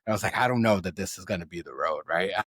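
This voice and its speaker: Deep-voiced Brazilian-born man, lively storyteller. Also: rapid-fire, breathy edge, dry recording. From Southeast Brazil. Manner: energetic storyteller, repeats words, asks "right?" often. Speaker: guest. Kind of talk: casual interview talk.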